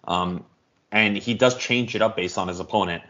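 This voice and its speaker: Deep-voiced man, measured podcast talk. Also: bright, forceful tone. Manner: measured, explains at length with frequent ums. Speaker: podcast co-host. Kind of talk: casual football podcast chat. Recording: dull lo-fi audio.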